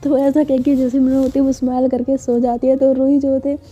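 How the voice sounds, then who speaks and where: A woman's voice: high-pitched, little pitch movement, a little fast, mellow, breathy edge, dull audio, faint music behind. A woman narrating a serial love story in a chatty, conversational way, then talking to her listeners. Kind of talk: casual scripted story narration.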